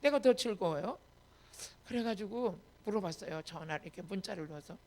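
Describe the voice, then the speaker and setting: A woman's voice: mid-range voice, animated, a little fast, darkish tone, a little hiss or hum. A woman pastor preaching a sermon emphatically, often calling on the congregation and acting out dialogue. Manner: acts out quoted dialogue in changing voices. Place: church retreat hall, online service.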